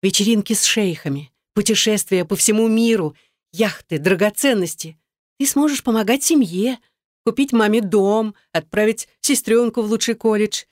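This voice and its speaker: A woman reading an audiobook voices a pushy, scornful young woman who bosses and mocks her friend, raising her voice higher for the part. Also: normal speed, a little mellow, no echo, studio quality, lightly acted. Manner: bossy, mocking, then coaxing.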